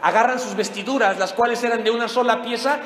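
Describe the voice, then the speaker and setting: A man's voice: extremely high pitch, fairly even intonation, fast talker, fairly bright tone, slight background noise. A man preaching a sermon to a congregation, retelling a story dramatically and putting questions to his listeners. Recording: very echoey hall with long reverb.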